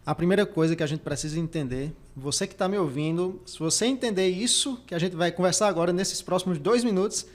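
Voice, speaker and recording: Fast, high-voiced emphatic Brazilian podcast host. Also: male voice. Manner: emphatic, repeats key points, demonstrates vocal techniques. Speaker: career coach and podcast host. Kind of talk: motivational podcast talk.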